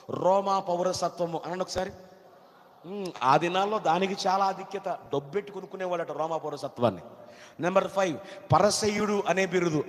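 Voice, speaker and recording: Male pastor, fairly high voice, long reverberant church hall; call-and-response sermon, numbered points, loud climaxes and quiet asides. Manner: call-and-response preaching, urging the congregation to answer loudly; breaks scripture into numbered points.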